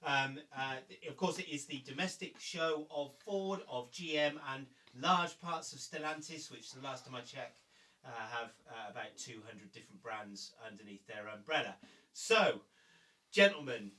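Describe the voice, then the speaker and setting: A man's voice: medium pitch, animated, moderate pace, sharp tone, far from the mic, a little hiss or hum. A man hosting a casual studio chat show, hesitant and full of fillers, joking at his own expense and saying he is losing his voice. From England. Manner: hesitant, filler-heavy, self-deprecating. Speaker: host.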